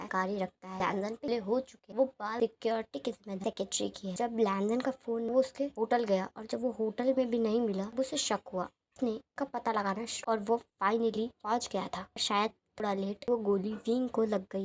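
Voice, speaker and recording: A woman narrating fan fiction in a plain, recounting storytelling manner. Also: mid-range voice.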